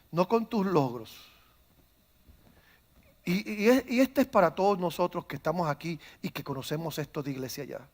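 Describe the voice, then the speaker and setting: A man with a high, ringing voice preaches a sermon to his congregation. He tells stories and acts out the voices in them, and he moves from calm to loud, fervent preaching. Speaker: pastor. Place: church.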